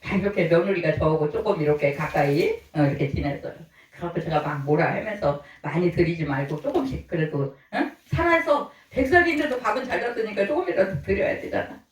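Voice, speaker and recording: A woman's voice: lowish voice, brisk, few pauses, roomy sound, recorded from a distance, poor audio. A woman pastor telling stories in her sermon, acting out the people she quotes and laughing often. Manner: lively storytelling, acts out quoted voices, laughs often. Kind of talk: storytelling sermon. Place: church hall.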